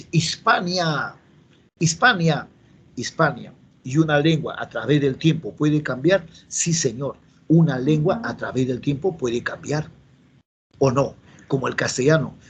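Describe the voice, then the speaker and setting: A male teacher lectures a class at a middle pitch, often firing off a question and answering it himself. The recording is dull and lo-fi, with a faint hiss underneath. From Peru. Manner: repetitive, asks and answers his own questions.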